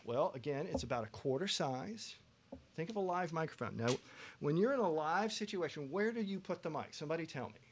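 A man teaching a vocal production workshop to a live class, animated, asking the room questions and acting out singers. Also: on the high side, a little hiss or hum. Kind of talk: lively workshop lecture. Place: classroom before a live audience.

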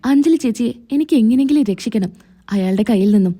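A woman's voice: fairly high pitch, lively intonation, fast, mellow. A woman retelling a serial, voicing a wronged young wife who speaks defiantly.

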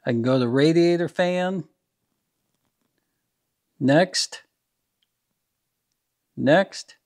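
A man in his fifties, a garage channel host, plainly demonstrating scan tools in his home garage. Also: on the high side. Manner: plain, practical, unhurried explaining. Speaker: DIY mechanic channel host. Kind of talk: casual product demo.

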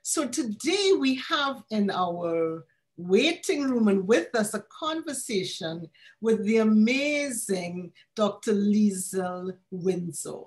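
A woman with a Trinidadian accent hosting a pediatric health talk, chatty and quick to laugh. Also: medium pitch, animated. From Trinidad and Tobago. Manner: warm, chatty, laughs often. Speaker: pediatrician and host. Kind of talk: online health talk interview.

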